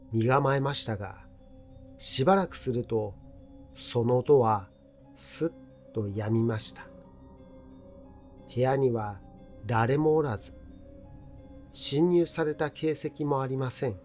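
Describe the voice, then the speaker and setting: A man reading a scripted ghost story in a measured, deliberate way, pausing between short phrases. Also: medium pitch, darkish tone. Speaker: horror story narrator. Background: music.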